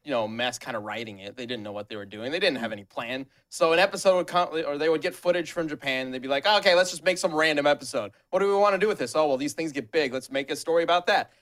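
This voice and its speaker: A man with a slightly raised voice talks casually as a show host, laughing easily and restarting sentences as he thinks aloud. His delivery is relaxed and conversational. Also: on the high side. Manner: laughs often, quick restarts. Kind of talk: casual podcast chat.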